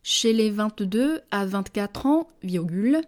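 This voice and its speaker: Slow, deliberate woman reading a dictation. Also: expressive. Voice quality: measured, deliberate, dropping low on punctuation words. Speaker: dictation reader. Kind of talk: slow French dictation, each phrase read twice with punctuation spoken.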